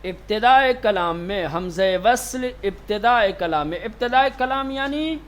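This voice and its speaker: A man's voice: sits high, expressive. A man, a religious teacher, giving a classroom lesson, repeating terms and asking and answering his own questions. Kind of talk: classroom lesson on Quranic reading.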